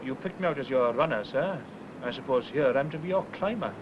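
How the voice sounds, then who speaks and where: An actor playing a good-humoured, deferential police subordinate in a 1970s television drama, respectful and wry with some hesitancy. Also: male voice, mid-range voice, expressive, brisk, lightly acted. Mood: respectful, informative. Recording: muffled, noisy 1970s television location sound.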